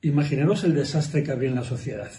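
A man's voice: medium pitch, quick pace, mellow. A male pastor preaching in a sermon, explaining points emphatically and repeating phrases for stress. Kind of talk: sermon teaching. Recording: roomy echo, from far off the mic.

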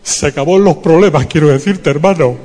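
A man's voice: a little high, brisk, a little mellow. Fervent male preacher in a reverberant hall. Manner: fervent, pleading, calls on the congregation. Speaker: preacher leading prayer. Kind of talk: prayer and sermon in church.

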